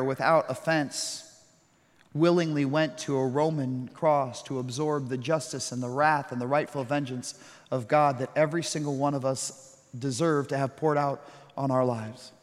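A man in his thirties preaching a sermon, swinging between loud storytelling and hushed, slow reflection. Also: a little high, big-room sound. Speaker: pastor.

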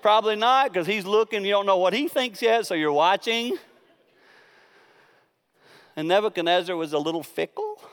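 A male preacher telling a sermon story in a colloquial, animated way, with frequent restarts. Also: sits high, normal speed, pauses often, clean tone, in a large hall.

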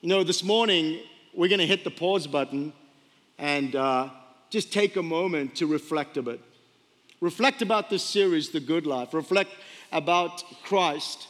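A man's voice: fairly high pitch, unhurried, fairly bright tone, in a large hall. A man preaching a conversational sermon as a pastor, repeating key phrases for emphasis and putting rhetorical questions to his congregation. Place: large room, speaking to a congregation.

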